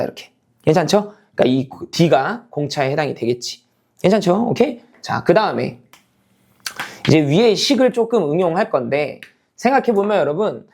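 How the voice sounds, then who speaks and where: A man's voice: fairly high pitch, a little mellow. A man teaching a math lesson, explaining step by step, repeating key points and constantly checking that the class follows, switching between casual and polite speech. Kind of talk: lecture to students.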